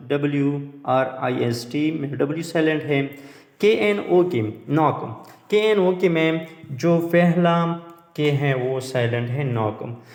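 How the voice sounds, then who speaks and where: A man teaching English grammar in a slow, explanatory way, spelling words out letter by letter and pausing often. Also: a little high, creaky, a little mellow, echoey room, big-room sound.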